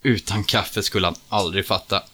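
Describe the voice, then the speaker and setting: Low, bright-toned male storyteller. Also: steady tone. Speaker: narrator. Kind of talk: audiobook story reading.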